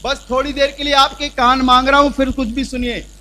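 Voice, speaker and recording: A man pastor teaching the Bible loudly in a church hall, calling out questions for the congregation to answer. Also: very high voice, flat delivery, brisk. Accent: Hindi. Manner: loud call-and-response preaching. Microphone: handheld mic.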